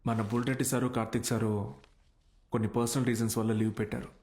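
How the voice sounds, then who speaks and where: A man's voice: medium pitch, level tone, racing, a little mellow, close to an everyday voice. An actor playing a young male college lecturer, playful and determined, dropping English phrases into his speech. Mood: confident. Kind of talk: Telugu film drama dialogue. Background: film score.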